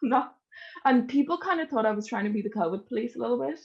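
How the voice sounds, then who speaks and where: Chatty and quick to laugh, this young Irish woman shares personal stories as a podcast guest in a casual, informal way. She talks fast in an animated, creaky, fairly high voice, though the audio sounds dull.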